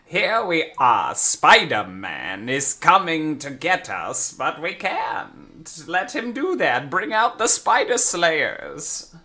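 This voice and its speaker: A man's voice: a little high, very animated, pushed and bright, full character voice. Man doing a pompous mid-Atlantic crime boss. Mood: grandiose. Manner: slow, grand, self-satisfied. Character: pompous male cartoon crime boss villain.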